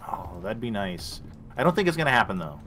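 A man's voice: lowish voice, very animated, brisk, pushed and bright, faint music behind. A man casually commentating a game he is playing, joking and swearing often. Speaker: gameplay commentator.

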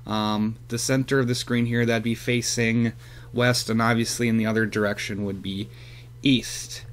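Speaking at normal speed in a medium-pitched voice with little pitch movement, a man gives a casual show-and-tell of his radio antenna setup. He rambles hesitantly with many fillers, filmed on a handheld camera outside and later at a computer; there's a little hiss or hum.

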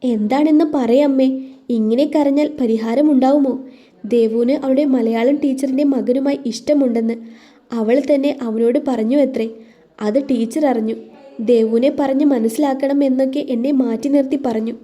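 A woman storyteller reading a first-person audio story aloud in a calm, even way. Her voice is very warm and mellow and sits slightly high. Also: moderate pace.

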